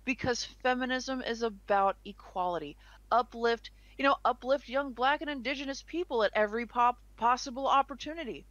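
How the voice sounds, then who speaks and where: A woman's voice: fairly high pitch, moderate pace, a bit bright, dry recording, highs cut off. A young woman co-hosting a casual podcast chat, chatty and giggly, rambling with restarts. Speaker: co-host.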